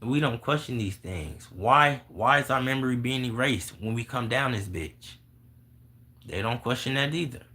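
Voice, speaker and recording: Young male vlogger, casual and profane, quick to laugh, bright edge in the voice. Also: mid-range voice. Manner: profane, blunt, laughs often. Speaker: vlogger answering viewer questions. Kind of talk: casual spiritual monologue.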